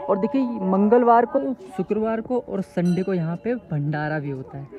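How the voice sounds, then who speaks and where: A man's voice: high-pitched, lively intonation, normal speed, narrow, tinny audio. A young man filming a casual travel vlog on a phone at arm's length outdoors, talking straight to his viewers in a chatty way. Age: young adult. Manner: chatty, addresses viewers directly. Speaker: travel vlogger. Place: outdoors on a windy hill road. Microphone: phone camera at arm's length.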